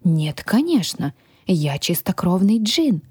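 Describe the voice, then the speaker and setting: A woman's voice: on the low side, sing-song, a little mellow, slightly rough, dry recording, studio quality, full character voice. A woman reading a haughty genie cook. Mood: indignant. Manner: offended, slow and drawn-out. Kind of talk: audiobook character voice.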